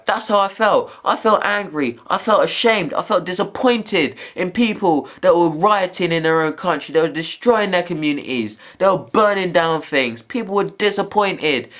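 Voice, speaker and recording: A man's voice: fairly high pitch, fairly bright tone. A young man, giving a heated, repetitive rant to camera in a video blog. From England. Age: young adult.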